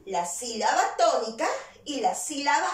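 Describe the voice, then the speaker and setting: A woman teacher giving a virtual class. She explains slowly and deliberately, asking questions and then answering them herself. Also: sits high, big pitch swings, far from the mic. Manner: slow, deliberate explaining with stressed key words. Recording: roomy echo, voice set back from the mic.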